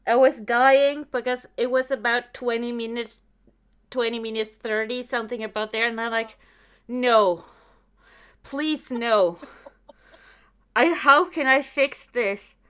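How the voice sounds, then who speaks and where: Her fairly high voice is smooth, with a measured pace and long pauses. She's a podcast host in casual chat, an animated storyteller acting out her own reactions.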